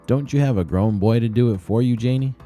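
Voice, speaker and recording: A man voicing a brisk, folksy village official who calls out a roll in a storybook reading. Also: medium pitch, mellow, faint music behind, voice pushed up, natural voice. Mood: businesslike. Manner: folksy, businesslike, calling out.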